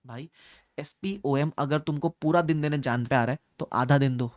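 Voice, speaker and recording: A man's voice: fairly high pitch, normal speed, no room sound, studio quality. A young man coaching exam students, talking directly and like an older brother, often checking that they follow. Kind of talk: advice talk to students, mixing in English phrases.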